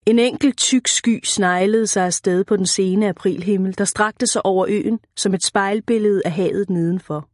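A woman narrating an audiobook at a measured, even pace, in a middle pitch for a woman. The recording is dry and close, with no room sound at all. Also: no echo.

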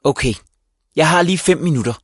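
A man's voice: on the high side, husky, no room sound, studio quality. Man putting on a curt, impatient librarian woman. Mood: brisk. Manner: curt, clipped, counting down time. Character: brisk impatient adult woman, school librarian.

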